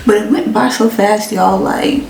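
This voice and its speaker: A woman's voice: medium pitch, fairly even intonation, a little slow, gravelly, a little mellow, slight background noise. Chatty young woman vlogging in an echoey room. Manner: chatty, slangy, addresses viewers directly. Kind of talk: casual chat. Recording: echoey room, mic at a distance.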